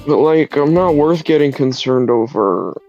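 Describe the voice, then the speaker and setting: A man's voice: mid-range voice, lively intonation, unhurried, darkish tone, muffled recording, faint music behind. A man chatting casually on a game stream, dry and self-deprecating. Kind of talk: casual let's-play chat.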